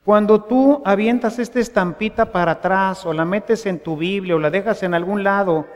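A man's voice: high voice, moderate pace. Man, Mexican accent, parish priest, conversational sermon, rhetorical questions, reverberant church.

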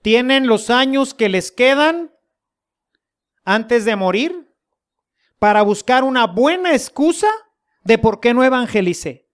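Slow folksy Mexican preacher. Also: mid-range voice, animated. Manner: folksy, humorous, rhetorical questions. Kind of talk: sermon.

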